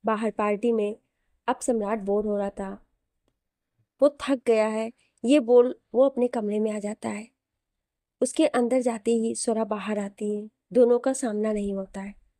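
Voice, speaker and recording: Woman reading a love story out loud, warm dark voice, dry close sound. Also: a little high, fairly even intonation, unhurried, no room sound. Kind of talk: storybook narration.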